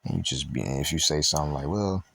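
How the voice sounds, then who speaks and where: Very deep husky man, casual slang. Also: steady tone, pushed and bright, no echo. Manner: loose and rambling, streetwise slang with frequent fillers; reads scripture slowly, stumbling over old words. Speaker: Bible teacher. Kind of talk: casual Bible study talk.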